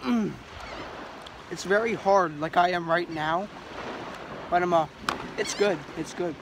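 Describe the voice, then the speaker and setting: A man's voice: high-pitched, a little slow. A man doing a crude comedic food review vlog, talking with his mouth full while chewing, outdoors by a bay. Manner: foul-mouthed, offhand. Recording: noisy outdoor wind and water.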